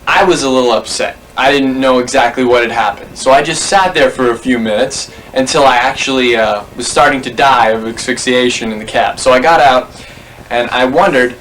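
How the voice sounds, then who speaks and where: A man's voice: mid-range voice, fairly quick, fairly bright tone, a little hiss or hum, low-quality recording. A man telling a personal anecdote to a documentary camera, rambling and correcting himself as he goes. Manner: rambling, self-correcting storyteller. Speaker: interviewee.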